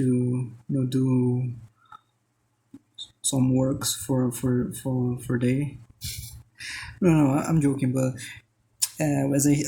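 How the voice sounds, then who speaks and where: Sketching as he talks, this Brazilian artist and channel host, a native Portuguese speaker with a Brazilian accent, rambles through a casual voice-over packed with restarts and fillers. He jokes at his own expense now and then. His voice is mid-range and dark, and the audio is poor.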